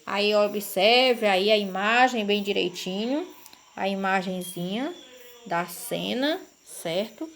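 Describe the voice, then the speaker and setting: A woman's voice: medium pitch, slow pace, vocal fry, fairly bright tone. A woman teacher, patiently explaining a lesson to children and often checking in with short tag questions. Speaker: primary school teacher. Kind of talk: recorded class lesson for children.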